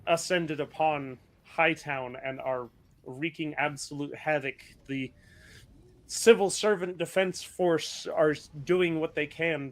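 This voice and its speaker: A man narrates a tabletop role-playing game as its game master. His voice sits a little high. He describes each scene at length, pausing on fillers and fixing his words as he goes. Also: a bit bright. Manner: descriptive, with frequent fillers and self-corrections.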